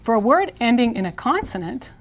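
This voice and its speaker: Woman, language teacher, video lesson, slow careful modeling, repeats words. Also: fairly high pitch, sing-song. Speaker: Spanish teacher.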